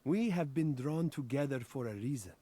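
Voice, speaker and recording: An actor playing a devoted romantic suitor in a video game, speaking earnestly and soothingly. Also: male voice, mid-range voice, expressive, moderate pace, mellow, breathy edge. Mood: tender devotion.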